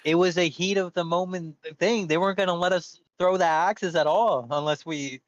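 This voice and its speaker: A man's voice: high-pitched, fairly even intonation, moderate pace, no room sound, muffled recording. A man playing a tabletop game, improvising casual dialogue in character. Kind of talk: in-character improvised role-play.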